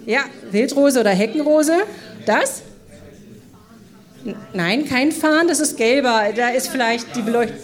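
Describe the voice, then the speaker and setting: A woman's voice: fairly high pitch, unhurried, pauses often. Woman preaching a sermon. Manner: engaging, asks the congregation questions. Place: church service.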